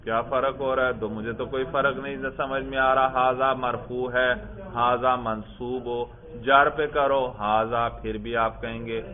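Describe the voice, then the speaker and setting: A man's voice: medium pitch, flat delivery. A man teaching a grammar class who questions his students, repeats their answers and praises them. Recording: tinny phone-like classroom recording.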